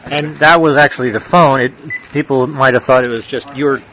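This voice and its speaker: A man's voice: medium pitch, steady tone, brisk, background noise. A man hosting a podcast who chats with a guest in an easygoing way and laughs often. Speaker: podcast host. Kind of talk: casual interview.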